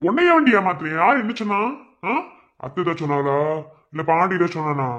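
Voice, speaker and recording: A man's voice: high voice, very animated, brisk, fairly bright tone, muffled recording. A man voicing a caring young village husband in a cartoon, speaking coaxingly in a Madurai Tamil accent. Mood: concerned. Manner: coaxing, calls her "di". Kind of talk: cartoon voice acting.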